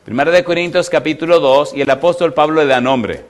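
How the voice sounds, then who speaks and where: A male pastor delivers a sermon with a fairly high voice. He keeps asking the congregation yes-or-no questions and builds emphatic, rising runs of repeated phrases. He slows down when he reads scripture aloud. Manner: call-and-response questions to the congregation.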